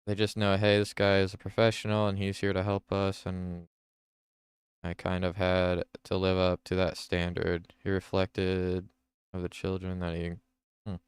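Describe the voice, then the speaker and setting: A man's voice: sits low, monotone, a little slow, smooth, no echo. A man hosting a livestream, reading news headlines aloud and reacting to them, with self-corrections. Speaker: livestream host.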